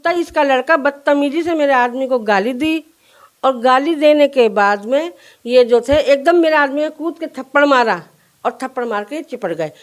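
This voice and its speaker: A woman's voice: high-pitched, animated, normal speed. A woman shopkeeper in a news interview, recounting in earnest detail what happened and acting out the quoted exchanges.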